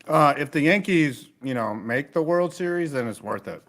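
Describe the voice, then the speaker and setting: A man's voice: fairly high pitch, lively intonation, moderate pace, fairly bright tone. Laid-back man eating on a live stream. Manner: laid-back, joking, talks while eating. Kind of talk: casual live-stream chat.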